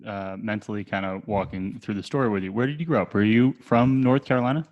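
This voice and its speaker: A man's voice: on the low side, fairly even intonation, quick pace, no echo, lo-fi sound. A man from New Jersey hosting a podcast interview, who thinks aloud and restarts a lot before he asks his questions. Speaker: podcast host. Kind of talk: casual interview conversation.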